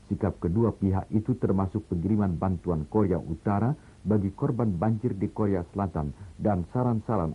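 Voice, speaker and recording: A man reading the news in a measured, formal way, heard through an old lo-fi broadcast recording like an old newsreel. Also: fairly low pitch, husky. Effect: old lo-fi broadcast sound, like an old newsreel. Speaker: news anchor. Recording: tinny, narrow-band old broadcast recording.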